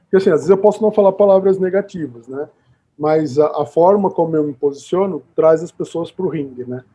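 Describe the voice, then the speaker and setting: Dark, husky-voiced male host. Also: a little high, a little fast. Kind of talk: casual interview chat. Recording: dull, muffled sound.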